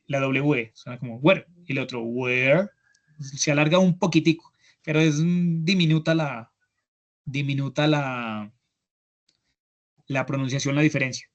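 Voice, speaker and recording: Speaking unhurriedly in a slightly high voice, a Colombian-accented man teaches English grammar online, breaking it down step by step. He frequently asks "¿listo?" to check in. The computer mic on the video call gives the audio a lo-fi sound.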